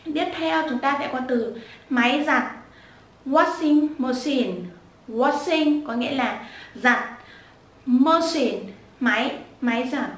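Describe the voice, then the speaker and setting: A woman teaching children pronunciation, repeating each word slowly and breaking it into sounds with patience. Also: sits high, fairly bright tone. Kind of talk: slow spoken lesson with repeated drills. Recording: echoey room, voice a bit far from the mic.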